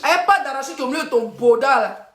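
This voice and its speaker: High-voiced taunting woman on a livestream. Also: expressive, a little fast, roomy sound. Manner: taunting, chanting insults, laughing. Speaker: live-stream host. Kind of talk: mocking live-stream rant. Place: room, phone on live stream. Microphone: phone.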